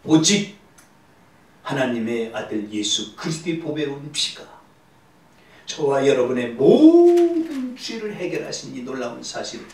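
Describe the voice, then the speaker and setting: Emphatic pastor preaching in an echoey church. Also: male voice, medium pitch, sing-song, unhurried, a little mellow. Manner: emphatic, repeats key words, prompts the congregation. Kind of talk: Bible seminar sermon with call-and-response. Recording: distant echoey church recording.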